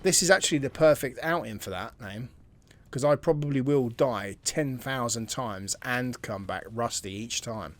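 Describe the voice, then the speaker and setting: Speaking at medium pitch and a moderate pace, a male gaming channel host gives chatty commentary over his video game play, reading tutorial text and voicing his thoughts along the way.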